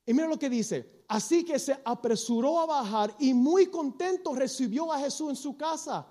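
A man's voice: very high-pitched, normal speed, mellow. A man preaching a sermon, telling a story animatedly, acting out the quoted lines and slipping into English phrases now and then.

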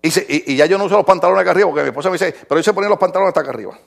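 Middle-aged male pastor, impassioned sermon delivery, high pitch with a rough, gravelly edge. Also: rapid-fire. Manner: impassioned preaching, swinging from shouts to quiet.

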